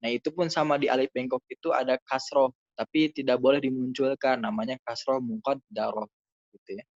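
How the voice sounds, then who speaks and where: A man walks through grammar answers at a middling pitch, patient and chatty, leaning on little fillers as he explains. The sound is dull and dry, close and without room echo. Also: fairly even intonation, a little fast. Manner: patient, casual, many fillers and "gitu ya". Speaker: Arabic grammar teacher.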